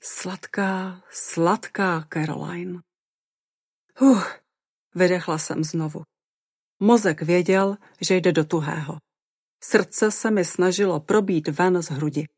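A woman narrating a first-person audiobook in a lively, expressive way. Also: lowish voice, slightly rough, no room sound, clean studio sound.

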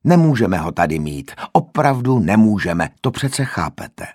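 A man's voice: lowish voice, big pitch swings, a little mellow, no room sound, clean studio sound, voice pushed up. A man voicing a stern hospital nurse who speaks firmly and insistently. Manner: stern, firm.

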